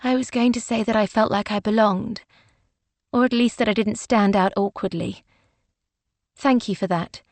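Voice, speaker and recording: A woman narrator voicing a shy, prim young woman, a vicar's daughter, who speaks softly and hesitantly. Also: mid-range voice, steady tone, moderate pace, no echo, natural voice.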